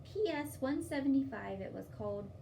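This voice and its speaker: Reading to young children at a library storytime, a woman uses simple, instructive phrases to explain things. She talks briskly in a high, gravelly, animated voice, recorded from a distance with faint noise in the background.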